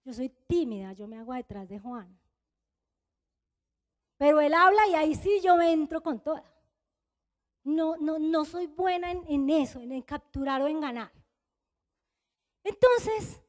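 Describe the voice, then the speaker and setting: A woman's voice: lively intonation, measured pace, long pauses. A woman pastor with a Colombian Spanish accent, preaching a confessional sermon and acting out remembered dialogue. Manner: confessional storytelling, acting out dialogue, pitch swings high.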